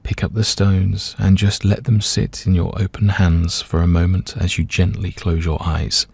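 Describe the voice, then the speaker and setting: A man gently and calmly leading a scripted guided meditation, letting his voice soften at the ends of phrases. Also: low-pitched, normal speed, gravelly, slightly rough, no room sound. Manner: gentle, calm, soothing, hushed at phrase ends.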